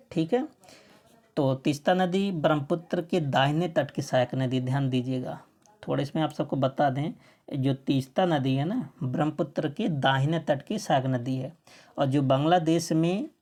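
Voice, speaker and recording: A woman's voice: low voice, dark tone. A woman teacher going through exam quiz answers, asking herself questions and answering them, often correcting her own slips.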